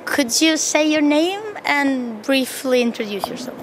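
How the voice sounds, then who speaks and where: A woman's voice: high-pitched, unhurried. A woman interviewer asking brief, plain questions outdoors. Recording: outdoor recording with traffic noise.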